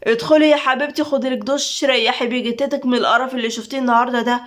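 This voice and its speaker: A woman's voice: fairly high pitch, fairly even intonation, racing, natural voice. A woman reading the part of a blunt, protective middle-aged Egyptian mother in a spoken story, with an Egyptian accent. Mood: motherly. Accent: Egyptian Arabic.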